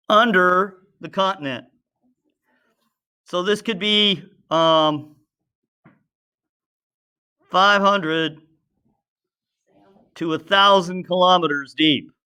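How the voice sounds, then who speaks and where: A high, clean, pushed and bright voice moves extremely slowly, broken by long pauses. This male teacher delivers a casual science lesson, sketching while explaining, chatting, asking students questions, and talking to himself as he draws.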